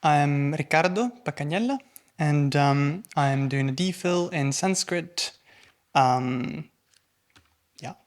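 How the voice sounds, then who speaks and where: Very slow, deliberate young man reading poetry. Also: fairly high pitch. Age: young adult. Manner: very slow, deliberate reading that trails off to near silence. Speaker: postgraduate student reading a poem. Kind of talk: poetry recitation.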